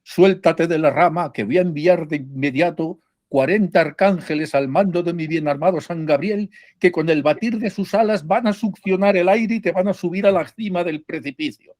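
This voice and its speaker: A solemn, booming God addresses a man from the opened heavens, grand and declamatory in a raised voice, as a male teacher puts him on in a joke. The sound is dry and close, with no room echo. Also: normal speed, a little mellow, close to an everyday voice.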